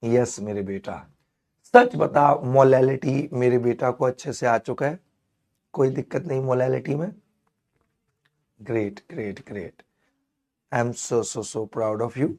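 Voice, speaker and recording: Hoarse, playful male chemistry teacher. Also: mid-range voice, slow pace, pauses often, darkish tone. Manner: playful, coaxing, affectionate with students. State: hoarse, strained throat. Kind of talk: live online exam-prep class.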